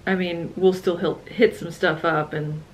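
A young woman in her twenties chats with a relaxed, tired ease, pitched a touch low. She drifts between thoughts and trails off with soft laughs. A faint hum of room noise sits behind her. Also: a little slow, low-quality recording. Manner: chatty, playful, trailing off with laughs. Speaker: travel vlogger. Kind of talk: casual chat.

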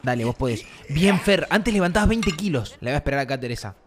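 A man's voice: a little high, fast, slight background noise. A man with an Argentine accent, joking and teasing as he commentates a life-simulation game on a stream. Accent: Argentine Rioplatense Spanish. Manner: playful and teasing, with animated swings in tone. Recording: game music playing behind the voice.

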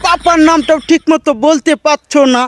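A man's voice: very high voice, a little fast, very noisy. A man playing a bratty, cheeky, money-hungry son in a comedy sketch, pert and scolding.

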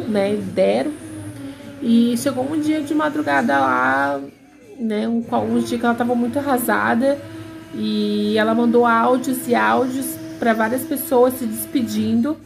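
A young adult woman talking somberly to her viewers in a personal, confessional vlog, halting often and turning to them with frequent asides. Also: fairly high pitch, gravelly. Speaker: vlogger.

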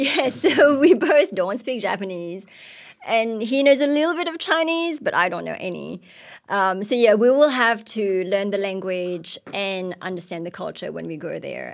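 A Mauritian woman in her thirties, a missionary, gives personal testimony in an onstage interview, speaking into a handheld microphone. Her voice is mid-range and creaky, and the indoor stage has a curtain backdrop.

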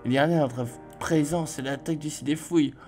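A man playing a video game and commenting as he goes, reading dialogue aloud and joking, with sudden loud exclamations. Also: fairly high pitch, steady tone, brisk, soft background music. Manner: chatty, jokey, exclaims loudly in surprise. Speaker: let's play host.

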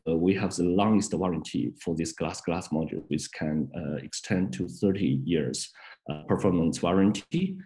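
A man presenting solar products on a video call, speaking with many "uh" fillers between halting phrases. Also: low-pitched, mellow. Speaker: sales director presenting products. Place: indoor office, on a video call.

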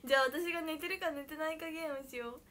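A young woman chatting casually on a livestream, playful and mock-dramatic, sometimes dropping to soft murmurs. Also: sits high. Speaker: idol livestreamer. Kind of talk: casual livestream chat with viewers.

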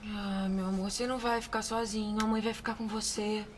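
An actress playing a caring, anxious young woman with a Brazilian accent in a telenovela, protective and gently firm. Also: mid-range voice, little pitch movement, a little fast, a little hiss or hum, natural voice. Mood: tender concern. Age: young adult. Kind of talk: telenovela acting. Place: indoor bedroom set.

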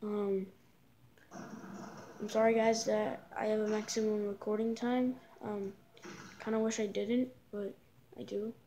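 A woman's voice: mid-range voice, little pitch movement, unhurried, pauses often, dark tone, slight background noise. A woman giving casual let's-play commentary, rambling with lots of fillers in an easygoing way. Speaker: gamer.

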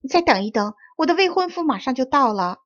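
Wind spirit girl, high and earnest woman reader, fairy-tale audiobook, dull audio. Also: big pitch swings, a little fast. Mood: pleading. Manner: pleading, high and light. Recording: dry dull close recording.

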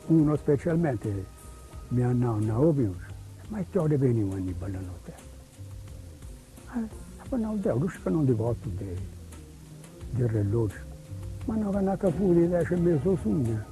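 An older man with a Sardinian accent recalls his youth in a rambling, halting way. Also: medium pitch, sing-song, mellow, soft background music, poor audio.

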